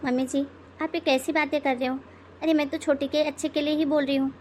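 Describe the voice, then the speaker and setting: A woman voicing an outspoken elder daughter-in-law in an animated moral story, lecturing and sarcastic. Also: high-pitched, a little fast, slight background noise, lightly acted.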